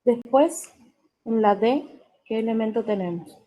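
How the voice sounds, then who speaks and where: A woman teaching an English class, saying each new word slowly and carefully and repeating it so students can write it down. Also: a little high, warm tone, low-quality recording. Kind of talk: classroom vocabulary lesson.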